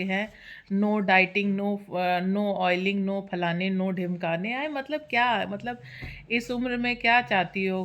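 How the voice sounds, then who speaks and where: A woman's voice: medium pitch, fairly bright tone. A woman, running a teasing, sarcastic gossip commentary as a reaction vlogger.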